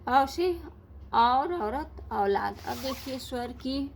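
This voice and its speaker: Woman, teacher, slow deliberate delivery, asks and answers own questions, faint background noise. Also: sits high, expressive, creaky. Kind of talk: Hindi grammar lesson.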